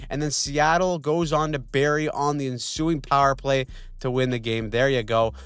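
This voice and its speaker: A man's voice: medium pitch, fairly even intonation, moderate pace, fairly bright tone, clear, resonant tone, dry recording. A young man narrating a scripted weekly hockey recap with snarky, slangy jokes. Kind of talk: scripted sports recap voice-over.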